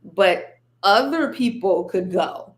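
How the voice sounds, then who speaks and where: A woman with a medium-pitched voice speaks slowly as a podcast guest, casually recounting her story. She's animated and laughs often while quoting herself and other people.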